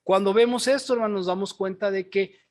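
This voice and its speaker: A man with a high-pitched voice delivers a sermon as pastor. He tells the story with animation, stopping often to ask the congregation questions and address them directly. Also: fairly even intonation, a little fast.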